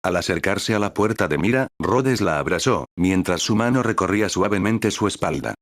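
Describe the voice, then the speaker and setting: Man, novel narration, very low voice, dry close sound, even synthetic read. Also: normal speed, no echo. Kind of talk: scripted audiobook narration.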